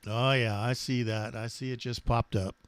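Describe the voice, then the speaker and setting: A man's voice: medium pitch, steady tone, moderate pace, heavy background noise. A man chatting casually and hesitantly on amateur radio, rambling in a laid-back way. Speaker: amateur radio operator and live streamer.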